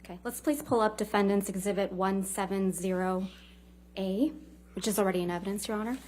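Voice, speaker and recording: A woman's voice: mid-range voice, steady tone, brisk, darkish tone, slight background noise. A woman lawyer cross-examining a witness in a courtroom, firing clipped, leading questions that often end in a short tag.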